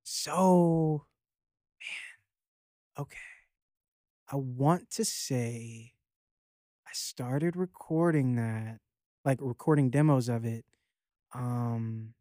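A man's voice: medium pitch, extremely slow, pauses often, dark tone, no room sound, studio quality. A man around thirty, from Baltimore, a rapper chatting loosely in an interview with lots of fillers and restarts. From Baltimore, Maryland. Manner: loose and rambling, many fillers and restarts, swears casually. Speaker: guest rapper. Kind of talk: casual interview chat.

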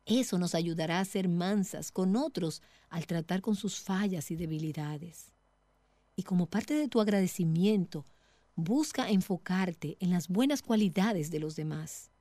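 Speaking directly to the listener, a middle-aged woman Bible teacher delivers a devotional teaching talk in a measured, earnest manner. Her voice is fairly low and mellow, with no room sound.

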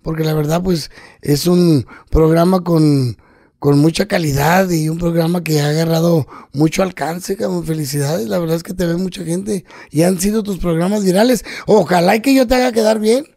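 A man's voice: a little high, normal speed, vocal fry, mellow, dry recording. A man with a Mexican accent, a comedian guest telling stories in crude, slangy casual chat. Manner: crude slangy storytelling, swearing.

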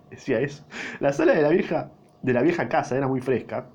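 A man's voice: medium pitch, expressive, quick pace, a little mellow, breathy edge, lo-fi sound. A young man with a Rioplatense accent reading a novel aloud, breaking off often for crude, swearing jokes and bursts of laughter. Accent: Rioplatense Spanish. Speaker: reader.

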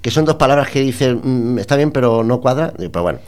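Male podcast host from Spain, comic storyteller, animated, with a wide-ranging pitch. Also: fast. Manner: animated, mock-indignant anecdote telling with laughs.

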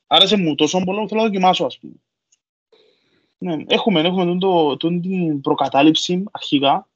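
A man's voice: on the high side, muffled recording. A man from Cyprus with a Cypriot Greek accent, chatting casually and colloquially on a podcast. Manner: colloquial, repeats filler phrases.

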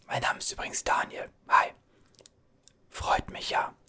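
A man's voice: unhurried, pushed and bright. A man whispering as a chatty, soothing gas station cashier in an ASMR roleplay, reassuring and rambling.

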